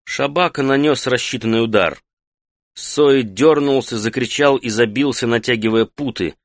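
A man reading an audiobook in steady, even scripted narration. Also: medium pitch, normal speed, no echo. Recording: dry close studio sound.

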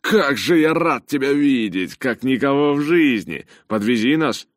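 A man voicing a grumpy, portly, hoarse middle-aged man in an audiobook. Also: on the low side, expressive, moderate pace, dry recording, studio quality, voice pushed up. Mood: overjoyed. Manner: grumbling.

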